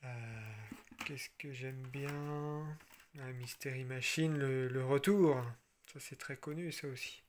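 A man from France casually showing his toy car collection, chatty and relaxed, with frequent fillers and restarts. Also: medium pitch, takes it slowly, slight background noise. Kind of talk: casual show-and-tell.

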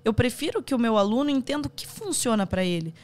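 A woman's voice: fairly high pitch, fast talker. A woman with a Brazilian accent, speaking as a podcast guest about her courses and acting out the advice she quotes. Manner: animated, acts out quoted advice. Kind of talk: conversational interview.

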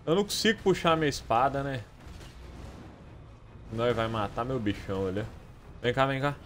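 Excitable swearing Brazilian gaming streamer man. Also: medium pitch, moderate pace, faint music behind. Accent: Brazilian Portuguese. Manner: excitable, swears often, yells at enemies. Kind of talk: live gameplay commentary.

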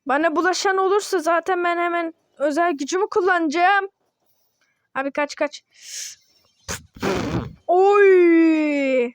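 A woman casually commenting on her own gameplay, chatty and excitable, grumbling and yawning as she plays. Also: extremely high pitch, a little fast, no echo. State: yawning, sleepy. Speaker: gaming video host.

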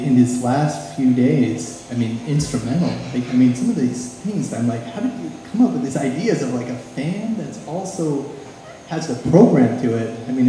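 Groom's toast in an echoey barn. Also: male voice, mid-range voice, dark tone, slight background noise. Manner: earnest, slightly halting thank-yous. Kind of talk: wedding reception toast. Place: open-sided wedding barn with string lights. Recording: echoey barn hall over the PA.

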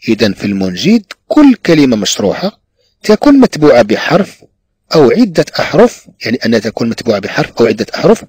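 A man from Morocco with a Moroccan Arabic accent, teaching a lesson and repeating each phrase slowly while switching between Arabic and French. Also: medium pitch, wildly swooping pitch, darkish tone, breathy edge, no room sound. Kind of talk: classroom lesson on French dictionary use.

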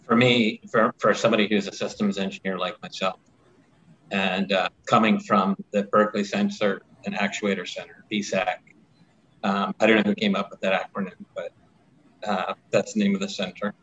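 A man's voice: on the low side, little pitch movement, normal speed, a bit bright. A man speaking as a company chief and systems engineer in a panel discussion, casual and plain-spoken. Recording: slightly muffled lo-fi audio.

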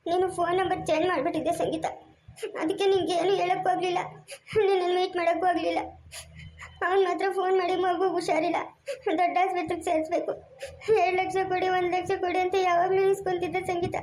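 A woman's voice: extremely high pitch, flat delivery, quick pace, a little mellow, a little hiss or hum. A woman playing a tearful mother begging for her son. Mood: explaining. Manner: tearful pleading. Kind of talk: amateur family skit acting.

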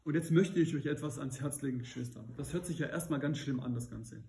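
A man's voice: medium pitch, quick pace, vocal fry, darkish tone, a little hiss or hum. A man preaching at a Bible study, earnest and questioning his listeners, rising to emphatic peaks. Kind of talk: sermon. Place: church hall. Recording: echoey room.

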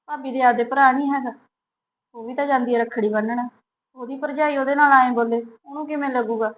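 A woman playing a quick-talking, hurt young wife. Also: high-pitched, steady tone, slight background noise, close to an everyday voice. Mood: aggrieved. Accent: Punjabi. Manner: quick, complaining, pushes back.

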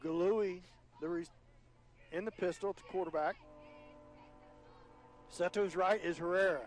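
A man calling high school football play-by-play on the radio, his voice climbing higher and louder on big plays. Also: fairly even intonation, a little slow. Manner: rises in pitch and volume on big plays. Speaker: play-by-play announcer.

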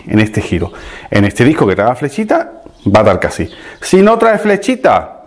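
A chatty man hosts a tool demonstration, talking quickly and checking in with his viewers. His mid-pitched voice swings up and down with lively emphasis. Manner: animated, chatty, addresses viewers directly with frequent tag questions. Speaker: DIY tool channel host. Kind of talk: casual tool demonstration to camera.

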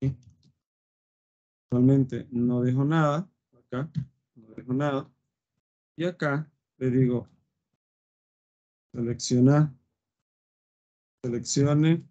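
A man's voice: medium pitch, dark tone. Man teaching over a dull recording. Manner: thinks aloud with fillers and frequent "¿sí?" checks. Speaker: web design teacher. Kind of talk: live coding lesson.

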